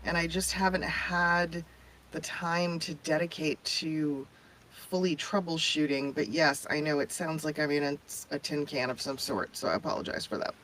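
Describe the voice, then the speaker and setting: A woman's voice: low-pitched, fairly even intonation, normal speed, fairly bright tone, slight background noise. A woman co-hosting a live voice acting chat, her voice coming through with a tinny, metallic tin-can sound from a faulty audio setup. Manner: chatty, upbeat, thinking aloud. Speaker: voice acting teacher and co-host. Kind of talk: casual live-stream chat. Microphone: remote audio link with a technical fault.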